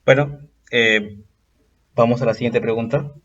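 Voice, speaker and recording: A man teaching a recorded exam-prep lesson, patiently explaining step by step and drawing out example words slowly. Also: medium pitch, steady tone, fairly bright tone, lo-fi sound.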